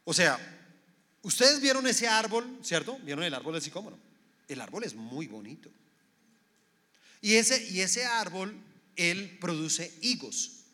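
A man preaching a sermon in a reverberant church hall. His voice sits fairly high and rings bright and forceful. He keeps checking in with the congregation through rhetorical questions. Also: big pitch swings, unhurried, pauses often. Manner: preaching with rhetorical questions, acting out quoted people. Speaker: pastor.

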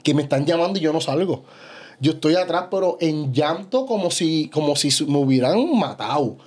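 Animated Puerto Rican man, fairly high voice. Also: normal speed. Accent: Puerto Rican Spanish. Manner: animated storytelling, frequent "¿sabes?". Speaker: bodybuilder guest. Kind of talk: casual podcast conversation.

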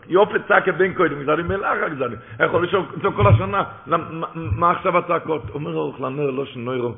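Male preacher, emphatic and repetitive, chanted quotations; thin phone-quality sound. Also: fairly high pitch. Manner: emphatic, repeats key phrases, quotes sources in a chanting cadence. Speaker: rabbi. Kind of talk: sermon. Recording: tinny phone-like recording.

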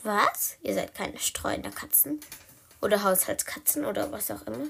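A woman's voice: medium pitch, normal speed, vocal fry, breathy edge, exaggerated voice. Woman voicing a big purring brown tomcat. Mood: calm. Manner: calm and drawling.

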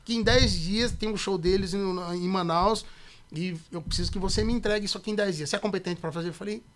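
A man's voice: sits high, fast talker. A man with a Brazilian Portuguese accent, a pastor guesting on a podcast, telling a story and acting out the quoted voices. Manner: acts out quoted dialogue with lively voice shifts. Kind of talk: animated storytelling in casual podcast chat.

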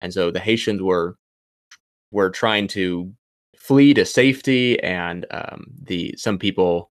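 A young man with a low-pitched voice takes his time as a podcast guest, a PhD candidate in relaxed interview conversation. He's thoughtful, thinking aloud through many ums and restarts. There's no echo on the recording.

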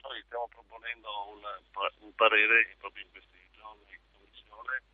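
A man calling into a radio show as a political guest, speaking on speakerphone over a phone line, halting and restarting his words. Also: lowish voice, fairly even intonation, dry recording.

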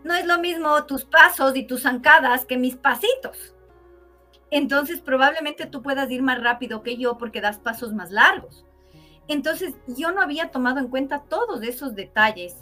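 Brief: woman, interview guest, high bright voice, lively storyteller, soft music underneath. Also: normal speed. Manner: animated, acts out quoted voices with exclamations.

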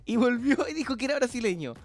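A man's voice: very high-pitched, lively intonation, quick pace, faint music behind. A Chilean man co-hosting a comedic radio show in a teasing, mock-indignant way. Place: radio studio.

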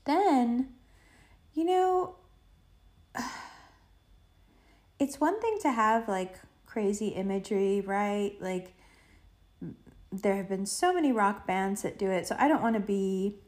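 Woman podcaster rambling casually, slangy n sweary, playful, medium pitch voice. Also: slow, pauses often, a little mellow. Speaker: podcast host. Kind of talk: casual rambling solo chat.

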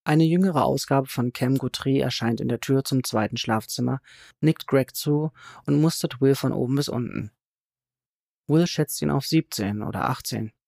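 A man reading a psychological thriller audiobook in a calm, measured way. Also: medium pitch, gravelly, dry recording, clean studio sound. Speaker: audiobook narrator. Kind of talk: scripted audiobook narration.

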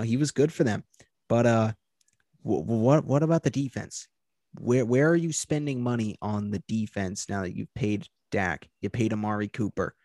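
A man's voice: on the low side, a little mellow, dry recording. A man hosting a sports talk show, running through news items and steering the talk. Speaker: host.

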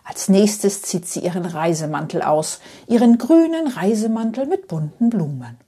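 A woman telling a bedtime story in a soft, half-whispered voice, with lulling repeated phrases. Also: medium pitch, sing-song, moderate pace, husky.

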